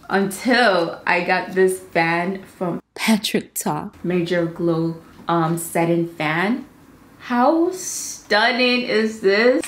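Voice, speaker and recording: Chatty young woman doing a beauty vlog, kinda roomy echo, faint background hum. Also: on the low side. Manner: bubbly, chatty, fast asides. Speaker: beauty vlogger. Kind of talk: casual sponsored product talk to camera. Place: home filming studio, indoors. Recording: roomy studio with faint ambience.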